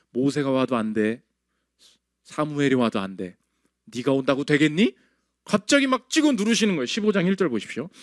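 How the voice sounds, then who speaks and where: A male pastor delivers a sermon in a voice pitched slightly high, with a very lively rise and fall. He acts out the quoted voices in animated bursts. The sound is dry and close, with little room echo.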